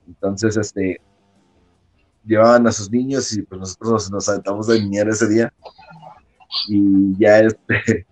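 A man's voice: fairly low pitch, slow pace, pauses often, faint music behind, low-quality recording. Mexican man telling a wrestling story. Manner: lively storyteller who acts out quoted people in a raised voice and laughs often. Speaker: wrestler, interview guest. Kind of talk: casual anecdote telling.

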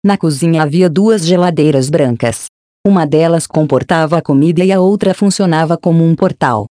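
An audiobook narrator reading a story in a steady, plain way. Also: medium pitch, moderate pace, no echo, clean studio sound. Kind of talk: scripted narration.

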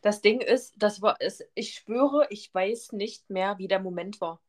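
A young woman with a mid-range voice chats casually. She often stops and repeats herself, and her tone stays relaxed throughout. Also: mid-range voice, unhurried. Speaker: newly engaged guest. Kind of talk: casual chat.

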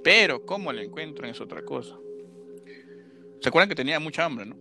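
A man casually retelling a horror film's plot as a podcast co-host, animated, with sound effects and filler words. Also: a little high, brisk, gravelly, music in the background. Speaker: podcast co-host recapping a film. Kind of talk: casual chat.

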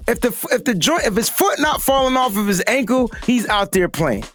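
A man hosting a casual sports talk show, excitable and given to repeating himself. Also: extremely high pitch, brisk, faint music behind. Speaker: podcast host.

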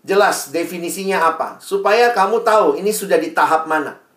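A man delivering a sermon to a youth audience, his voice rising and falling with lots of expression. He talks in a chatty, animated way. The sound is roomy and picked up from some distance. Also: high voice, brisk. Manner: lively, conversational, acts out teen questions. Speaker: youth speaker. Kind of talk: sermon to young people.

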